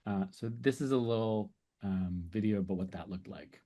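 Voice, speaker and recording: Casual male presenter, slightly low voice, hesitant and conversational delivery, for a festival talk. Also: normal speed, mellow. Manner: loose and conversational, with many "um"s and "uh"s. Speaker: speaker and sessional lecturer. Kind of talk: conference talk.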